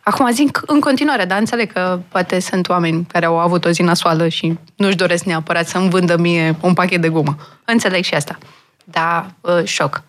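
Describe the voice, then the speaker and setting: A young woman from Brașov, Romania, a comedian guest in casual chat with dry, deadpan humor. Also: on the low side.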